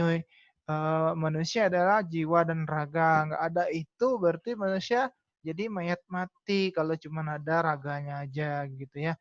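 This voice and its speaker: A woman tutor leads an online class over a video call, her voice sitting a little low. She keeps the talk moving with fillers and answers her own questions. The call audio sounds dull and lo-fi. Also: gravelly. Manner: calls herself Kakak, many "nah" fillers, asks and answers own questions.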